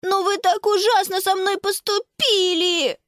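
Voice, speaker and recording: A woman's voice: extremely high pitch, steady tone, a little slow, no echo, studio quality, voice pushed up. A woman voicing a tearful, stubborn little boy who sulks and complains in a children's storybook. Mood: whiny. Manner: whiny, sulky.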